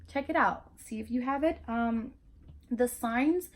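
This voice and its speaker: With a fairly high voice and a slightly slow pace, a young Spanish-accented vlogger chats openly with her audience in a laid-back educational monologue. She curses without hesitation and trips over many fillers and restarts.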